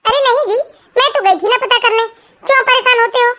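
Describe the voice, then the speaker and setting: A woman's voice: fairly quick, bright, forceful tone. A woman doing a frightened cartoon young wife. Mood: worried. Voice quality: very high, cartoonish. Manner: fretful, pleading. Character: anxious young wife hiding a lie. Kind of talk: animated cartoon dubbing.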